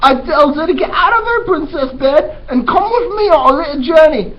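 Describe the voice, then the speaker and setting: A man voicing a slow-witted, eager young serving girl from a storybook in a shrill, strained, childish falsetto. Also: animated. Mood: excited, scheming. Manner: loud, childish, ungrammatical delivery. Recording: muffled recording with background noise.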